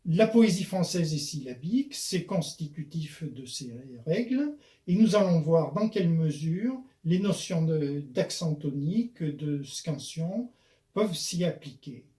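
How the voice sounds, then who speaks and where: A man giving a measured spoken lesson on poetry, pausing often with hesitation fillers. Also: on the high side, expressive, warm tone. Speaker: poetry lecturer and author-declaimer.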